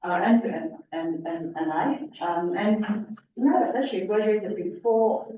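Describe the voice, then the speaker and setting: A woman giving an informal technical lecture through a face mask, halting as she explains. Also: mid-range voice, narrow, tinny audio. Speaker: academic lecturer, researcher. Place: indoor lecture room. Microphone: distant room microphone. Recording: very echoey, distant, faint room noise.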